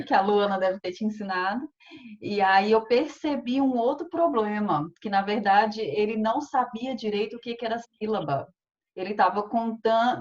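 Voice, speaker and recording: A woman's voice: medium pitch, a little mellow, highs cut off. A woman with a Brazilian Portuguese accent, a teacher asking a colleague for advice, who thinks aloud hesitantly. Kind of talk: online teaching chat.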